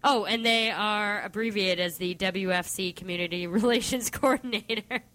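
Bright, sarcastic woman bantering. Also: mid-range voice, normal speed. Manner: sarcastic, teasing. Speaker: radio show co-host. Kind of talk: casual comedic banter, reading news aloud.

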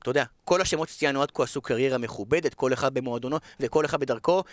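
A man's voice: medium pitch, no echo. A man with an Israeli accent talking casually as a football broadcaster being interviewed, emphatic and repeating phrases for stress. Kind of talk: casual podcast conversation.

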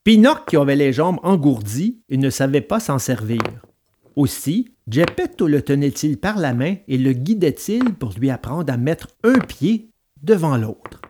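A man narrating a children's storybook aloud in an expressive, dramatic read-aloud manner. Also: on the high side, a little slow, slight background noise.

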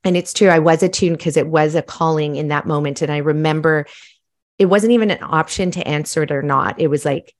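Low-voiced woman telling her story. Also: brisk. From Malawi. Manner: animated, self-reflective storytelling. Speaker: guest. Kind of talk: casual storytelling.

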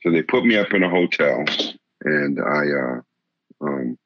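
Man, very low voice, halting storyteller, many restarts, dry dull recording. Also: expressive, no room sound. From Boston area, Massachusetts. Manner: laughs while telling stories. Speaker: interviewee. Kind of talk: casual storytelling. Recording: dull lo-fi sound.

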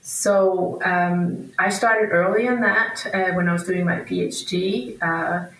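A Danish researcher and academic in her fifties, a native Danish speaker, is a podcast guest answering interview questions conversationally, thinking aloud in a halting, hesitant way. Her voice is fairly low, steady and fairly bright. The recording has a roomy echo, and she sounds distant from the microphone.

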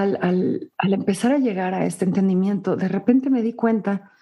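A woman talks in a musing, reflective way, often checking in with a soft "¿no?". Her voice is dark and mellow, with a husky, breathy edge. She sounds like a podcast co-host in casual conversation. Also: mid-range voice. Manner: musing, often ending phrases with a questioning "¿no?".

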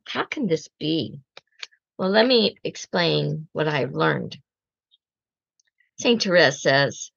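A woman gives a slow, reflective spiritual talk as a Secular Carmelite speaker, deliberately quoting prayers and reflecting on them. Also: on the low side, vocal fry, no echo, dull audio.

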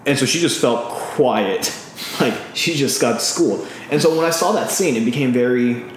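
An animated man of medium pitch speaks at a moderate pace. Co-hosting a laid-back podcast, the Californian narrates a film at great length with plenty of ums and restarts, in a very reverberant room with faint background noise.

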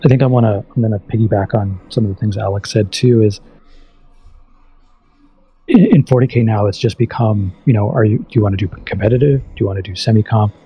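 Man with a husky, mellow voice. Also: lowish voice, fairly quick, faint music behind. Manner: conversational, self-correcting, often restarts. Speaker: podcast guest. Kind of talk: casual chat.

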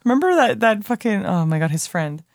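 A woman's voice: medium pitch, very animated, brisk, vocal fry, no room sound, clean studio sound. A woman co-hosting a podcast in casual chat, laughing often and hesitating as she thinks aloud. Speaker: podcast co-host.

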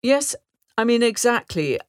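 A woman from Zambia co-hosting a current-affairs podcast, giving measured, thoughtful analysis with occasional restarts. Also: a little high, very animated, no room sound, studio quality. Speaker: podcast co-host.

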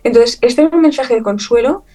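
Woman from Chile, interview guest; a bit high-pitched, emotional, chatty storyteller, slightly off-mic. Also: brisk, recorded from a distance, poor audio. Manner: emotional, animated storytelling with many fillers and laughs. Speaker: guest, illustrator. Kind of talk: conversational interview.

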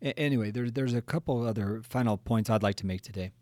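A man's voice: on the low side, fast talker, dry recording. A man who is a therapist, speaking in an earnest, reflective way about listening and empathy. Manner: soft-spoken, earnest and reflective. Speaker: therapist and co-host. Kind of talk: reflective conversation.

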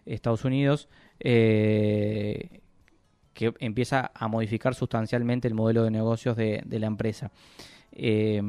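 A man explaining business news in a radio interview, measured and full of hesitations and restarts. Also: mid-range voice, a little mellow, clean tone, dry recording. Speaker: economic analyst guest.

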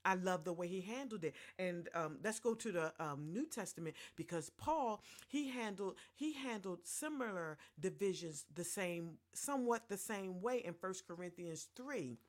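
A woman's voice: fairly low pitch, expressive, normal speed, hardly any pauses. A woman preaching a sermon, repeating her phrases for emphasis and turning playfully sarcastic at times.

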